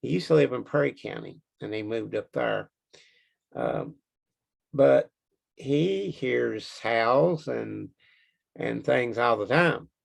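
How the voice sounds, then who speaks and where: Kentucky guy with a creaky gravelly voice, folksy, kinda rambles along in a casual interview. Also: medium pitch, lively intonation, slow pace, pauses often. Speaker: Bigfoot researcher being interviewed.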